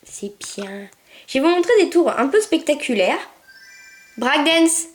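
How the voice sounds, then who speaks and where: High-voiced chatty woman gamer. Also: moderate pace. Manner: chatty, excitable, coos at her puppy. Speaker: gameplay video maker. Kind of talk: casual gameplay commentary.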